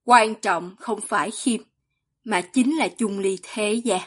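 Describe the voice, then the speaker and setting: A woman's voice: on the high side, a little slow. A woman voicing a composed, dignified young male clan heir in a fantasy audiobook. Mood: calm dignified.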